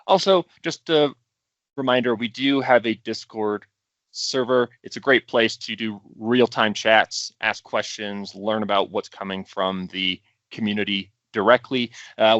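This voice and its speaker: A man's voice: mid-range voice, unhurried, a bit bright, no echo. A man hosting a community video call, upbeat and chatty with fillers as he wraps up. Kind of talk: wrapping up a live community call. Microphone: video call mic. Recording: dull, dry video-call audio.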